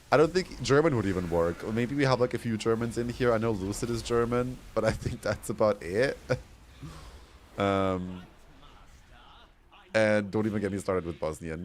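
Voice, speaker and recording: A man's voice: lowish voice, moderate pace, long pauses. A young man with an Austrian accent chatting casually with his stream chat and laughing often.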